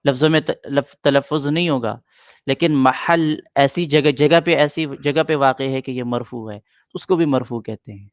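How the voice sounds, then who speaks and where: A patient middle-aged man teaching a grammar class, going over each rule more than once. His voice has an average pitch and sounds close and dry, with no room echo. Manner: patient, repeats points and answers students' questions.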